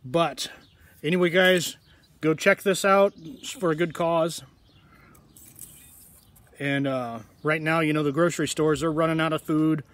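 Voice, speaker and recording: A man talking casually to his viewers in a tasting vlog, rambling in a relaxed way. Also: a little high, unhurried, long pauses, dry recording. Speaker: food reviewer.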